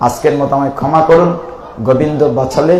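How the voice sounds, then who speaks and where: A man's voice: fairly high pitch, steady tone, fast, darkish tone, roomy sound, low-quality recording. A man giving a devotional sermon, impassioned and pleading, breaking into sung chants. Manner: impassioned, rising to fervent calls and sung chants. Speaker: Gita preacher.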